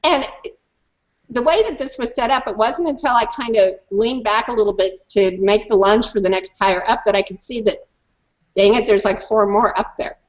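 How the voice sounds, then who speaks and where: Woman guest, animated storyteller, emphatic; slightly muffled call audio. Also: mid-range voice, moderate pace. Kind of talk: personal story in an online hangout.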